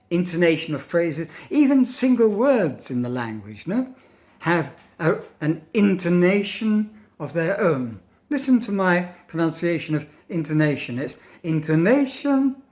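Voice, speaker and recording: Musing older man teaching English. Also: on the high side. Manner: thoughtful, pausing, demonstrates intonation aloud; tags questions with "no?". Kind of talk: informal spoken lesson.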